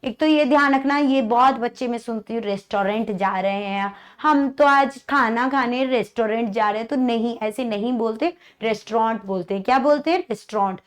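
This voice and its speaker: A young Indian woman teaching an English exam-prep lesson to children, drawing out example sentences and checking understanding with repeated questions. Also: a little high. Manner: slow, drawn-out reading of example sentences; repeats "thik hai" often, coaxing questions to the class.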